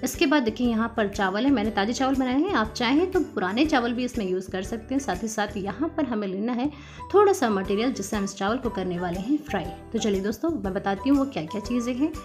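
Woman cooking-show host, fairly high voice, chatty step-by-step voice-over, soft music under it. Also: animated, quick pace. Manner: chatty, addresses viewers as friends. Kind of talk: home cooking tutorial voice-over.

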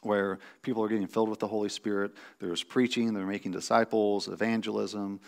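A man's voice: fairly low pitch, level tone, a little fast, creaky, darkish tone. Man giving a conversational sermon. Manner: conversational teaching with frequent restarts and fillers. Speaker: pastor. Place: church sanctuary with a stage.

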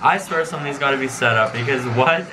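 A man's voice: mid-range voice, a little fast, background noise. A young man in a small room, casually reacting to clips on webcam, laughing a lot and exclaiming in disbelief. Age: young adult. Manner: keeps exclaiming "what?" with frequent laughter.

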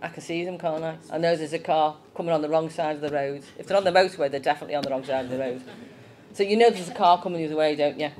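Woman, low-ish voice, friendly children's talk in church, faint hiss behind. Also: racing, a little mellow. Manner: chatty, asks the children questions.

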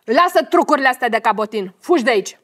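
A fed-up young actress. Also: female voice, fairly high pitch, expressive, a bit bright. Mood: dismissive. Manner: cutting, dismissive retorts. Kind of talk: staged play reading.

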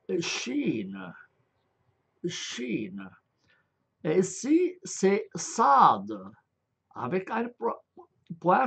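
A male lecturer explains Arabic script in a slow online lecture, hesitating, filling gaps with filler sounds, and spelling out letter sounds one by one. His voice is high, creaky and a bit bright, with a breathy edge.

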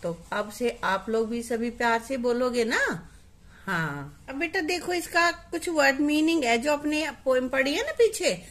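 A woman's voice: unhurried, a bit bright. A young woman teaching a children's Hindi lesson, patiently coaxing and asking questions, then answering them herself. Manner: mimics the cuckoo's call in a high voice.

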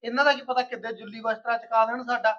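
A man playing a blunt, high-voiced young son. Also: flat delivery, fast, bright, forceful tone. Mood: needling. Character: young son taking his wife's side. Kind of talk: village family drama acting. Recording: dull lo-fi sound.

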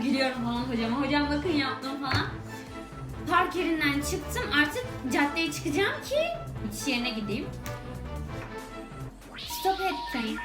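A young woman vlogger with a bright, high voice tells a funny story from her own life directly to the camera, exclaiming and laughing between lines in an animated way. The room is echoey, and music plays clearly underneath.

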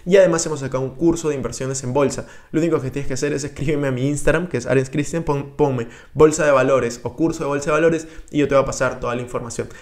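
A young man talks straight to the camera, coaching viewers on their money. His delivery is energetic and urging, full of gestures, at a middle pitch. He sits close to a boom-mounted studio mic in a small room. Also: fast, hardly any pauses. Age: young adult. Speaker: personal finance YouTuber. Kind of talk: direct-to-camera finance advice. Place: small room indoors, seated on a couch. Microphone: studio mic on a boom arm in front of him.

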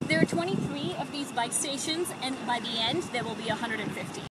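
A woman's voice: sits high, brisk. A young woman, a social media editor, chattily explaining step by step as she films herself on her phone outdoors in the city. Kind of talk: casual phone-filmed walkthrough. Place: outdoors on a busy city street. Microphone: phone at arm's length. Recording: loud street noise around phone audio. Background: traffic and city street noise.

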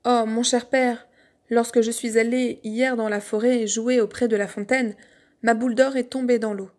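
A spoiled young princess from a fairy tale, talking in a lively, raised voice, played by a woman reading the story. She sounds pampered and a little childish. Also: a little high, moderate pace, lightly acted. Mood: anxious.

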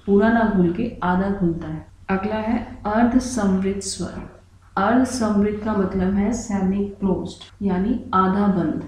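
A woman's voice: mid-range voice, darkish tone. A woman teaching a grammar lesson for exam preparation, explaining patiently and spelling out each example. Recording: very echoey room.

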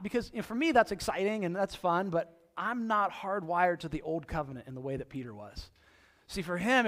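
A man preaching a sermon to his church, telling the story in a lively way and acting out the quoted voices. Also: sits high. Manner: animated storytelling, acts out quoted voices, rising excitement. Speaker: pastor.

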